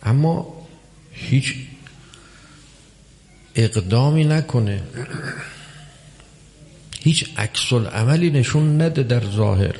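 A man preaching a religious sermon, measured and emphatic, with long pauses between phrases. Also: mid-range voice, expressive, warm tone. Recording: long hall reverb.

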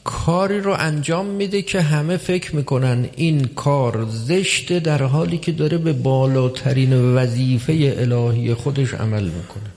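A man preaching a religious sermon, measured and emphatic, with long pauses between phrases. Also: mid-range voice, a little mellow. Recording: long hall reverb.

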